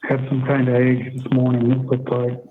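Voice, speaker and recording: A man's voice: mid-range voice, completely flat delivery, normal speed. A man speaking from prison over the phone, subdued and weary, heard through a tinny prison phone line. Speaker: inmate calling.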